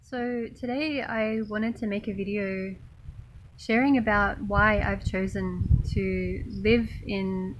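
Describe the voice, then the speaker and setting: A woman raised in Australia, talking thoughtfully to camera about her spiritual path, pausing often with fillers. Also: medium pitch, fairly even intonation, a little hiss or hum, rough recording. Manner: slow, thoughtful, many pauses and fillers. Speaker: spiritual monastic vlogger. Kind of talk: reflective personal talk to camera.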